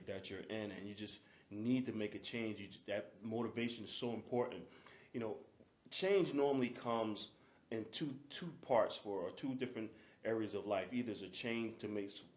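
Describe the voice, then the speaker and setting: A man's voice: mid-range voice, a little mellow. Male life coach, punchy and repetitive, recorded in a roomy space on a dull lo-fi track. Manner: emphatic, repetitive, informal. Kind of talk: motivational webinar lecture.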